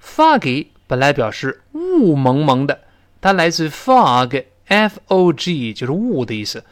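A man teaching a spoken English lesson, explaining phrases and modelling pronunciation slowly. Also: no room sound, studio quality. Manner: lively explanatory teaching, rising to high pitch for emphasis.

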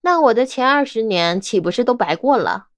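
A woman voicing a sharp, stubborn young investigator who argues everything, in an audiobook drama, with a wry, argumentative manner. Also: fairly high pitch, animated, a little fast, dry recording, lightly acted.

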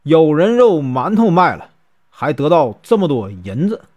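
A man's voice: a little high, big pitch swings, unhurried, darkish tone, muffled recording. A man voicing a scheming female innkeeper who drugs her guests, in a sly, mocking manner. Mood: gloating.

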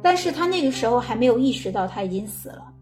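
Storytelling woman over soft music. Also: a little high, very animated. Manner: gentle spoken storytelling with frequent filler pauses. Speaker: host. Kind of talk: storytelling narration. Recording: faint background music.

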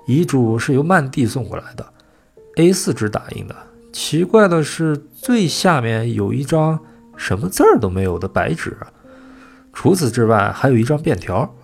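Man with a faint gravel narrating a story. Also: medium pitch, darkish tone. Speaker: audiobook narrator. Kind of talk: first-person audiobook narration. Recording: faint music behind the voice. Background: faint music.

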